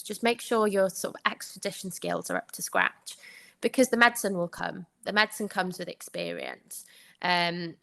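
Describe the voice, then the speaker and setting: Speaking as a guest, this anaesthetics trainee is a young woman with a Welsh accent who grew up with Welsh as her first language. She is chatty in the interview, laughing frequently between points, at a medium pitch with a fairly bright tone.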